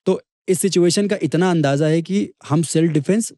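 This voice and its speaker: The speaker is a young MMA fighter from Kanpur, India, guesting on a casual chat where he tells a story with lively flair, acting out quoted speech. His voice is a little high at a normal pace, and the studio recording has no room sound.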